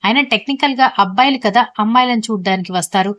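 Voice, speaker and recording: A man's voice: high voice, rapid-fire, sharp tone, dry recording. A woman voicing a playful young husband. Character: playful young husband, strict sports coach.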